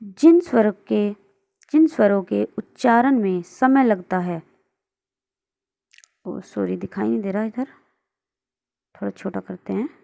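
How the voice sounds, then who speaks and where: A woman's voice: mid-range voice, slow, gravelly, long pauses, mellow. A woman teaching a grammar lesson online, explaining on screen and patiently asking and answering her own questions.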